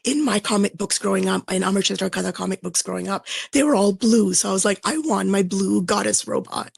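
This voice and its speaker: A woman from Singapore, a guest in a casual interview, telling stories in an animated way with lots of "like" fillers. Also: mid-range voice, brisk, gravelly, breathy edge, no echo. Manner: animated storyteller, frequent "like" fillers. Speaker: guest, game player.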